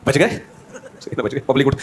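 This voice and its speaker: A man with a mid-range voice, an Islamic scholar, gives a religious talk full of humorous anecdotes, acting out the people in them. A little hiss or hum can be heard.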